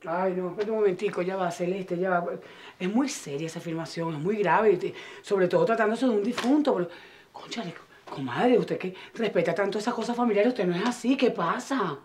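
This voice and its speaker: A woman's voice: medium pitch, a little fast, a little mellow, a little hiss or hum, close to an everyday voice. An actress with a Venezuelan accent playing a worried mother who pleads hesitantly and stalls with repeated words, in a telenovela. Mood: anxious, pleading. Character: worried mother urging caution about gossip. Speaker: mother of Clara. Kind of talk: telenovela acting.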